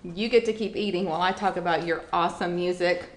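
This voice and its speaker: A woman's voice: fairly low pitch, fairly even intonation, quick pace. A woman hosting a cooking segment, chatting in a bubbly, upbeat way. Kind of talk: casual cooking show chat. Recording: roomy studio sound.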